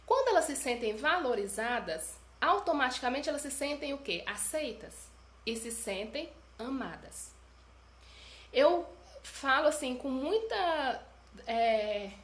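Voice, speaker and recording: A woman's voice: on the high side, a little hiss or hum. A woman giving a talk on self-esteem, often asking questions and then answering them herself. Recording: roomy echo.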